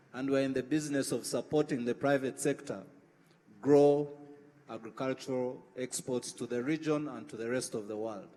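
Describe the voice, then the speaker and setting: A man's voice: mid-range voice, darkish tone. A man with a mid-range voice gives a formal, composed introduction on a panel. He sounds like a senior official addressing a conference room. A long hall reverb trails his speech. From Rwanda. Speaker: agency chief executive, panelist.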